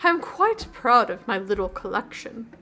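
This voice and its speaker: Woman playing a refined, formal gothic gentleman, bright-voiced. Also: fairly high pitch, very animated, unhurried, slight background noise, exaggerated voice. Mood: quiet pride. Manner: refined, formal, old-fashioned. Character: courteous, formal gothic gentleman, proud butterfly collector. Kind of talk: video game voice-over reading.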